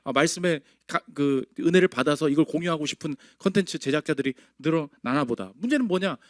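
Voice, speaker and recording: Pastor guy preaching, high voice that swings up and down a lot, keeps asking the crowd questions. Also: expressive, fairly quick, no echo, studio quality. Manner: conversational, rhetorical questions to the congregation. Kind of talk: sermon.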